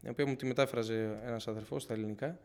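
A man's voice: mid-range voice, fairly even intonation, a little mellow, clear, resonant tone. A young man tells his congregation a personal faith testimony in an earnest, searching way. He circles back, restarts phrases and keeps retelling his own words as he goes. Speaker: church member giving testimony.

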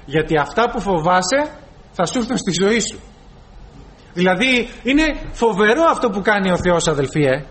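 A man's voice: sits high, animated. A male preacher giving a dramatic sermon, quoting scripture and acting out dialogues between God and people. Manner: dramatic, quotes and acts out dialogue, swings loud to soft.

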